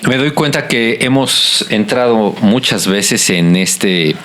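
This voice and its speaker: A man's voice: lowish voice, animated, takes it slowly, fairly bright tone, a little hiss or hum. Musing male podcast host. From Mexico. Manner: thoughtful, musing questions. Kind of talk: conversational interview.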